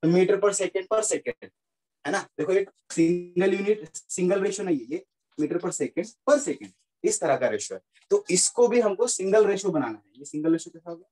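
A man's voice: sits high, animated, moderate pace, a little mellow, poor audio. A man teaching a physics lesson in Hindi mixed with English, repeating points and checking that students follow. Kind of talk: classroom lecture mixing Hindi and English.

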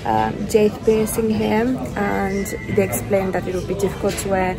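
A woman's voice: mid-range voice, flat delivery, normal speed, vocal fry, crowd noise, poor audio. A young woman chatting casually as she vlogs, recorded on a phone camera held at arm's length in a department store. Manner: chatty, gushing, fillers like um. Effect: recorded on a handheld phone camera. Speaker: fashion vlogger. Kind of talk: casual vlog chat.

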